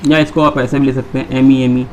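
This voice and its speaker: A man's voice: medium pitch, flat delivery, brisk, a little hiss or hum. A man teaching a chemistry class, who keeps asking his students questions and then answering them himself. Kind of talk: classroom lecture.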